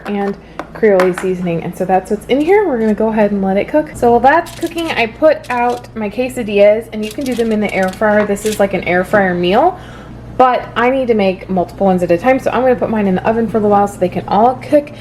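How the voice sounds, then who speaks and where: Female home-cooking vlogger, mid-pitched, informal and explanatory, some household noise behind her. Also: a little fast, a little mellow. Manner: informal, explanatory, loosely improvised. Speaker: vlog host showing home cooking. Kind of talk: casual cooking vlog chat to viewers. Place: home kitchen.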